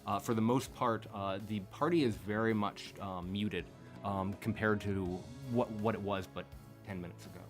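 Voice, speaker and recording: A man narrating as game master in a tabletop game, improvising in halting, deliberate phrases. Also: fairly low pitch, fairly even intonation, soft background music.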